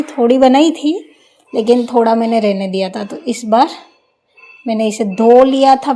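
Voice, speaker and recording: A woman's voice: on the high side, dark tone. A young woman, chatting casually at home as she explains her household chores step by step. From India. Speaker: vlogger. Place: home, indoors.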